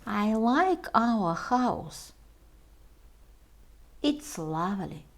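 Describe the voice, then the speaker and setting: Slow, careful teacher. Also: female voice, on the high side, sing-song. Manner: slow, careful reading aloud. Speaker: English teacher. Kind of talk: slow homework lesson for young children.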